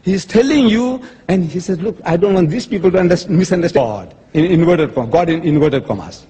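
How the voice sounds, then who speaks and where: A man's voice: sits high, lively intonation, a little fast, mellow. A man giving a public debate speech, emphatic and repetitive, quoting scripture to make his points. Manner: emphatic, repeats key phrases, cites scripture. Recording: echoey hall reverb.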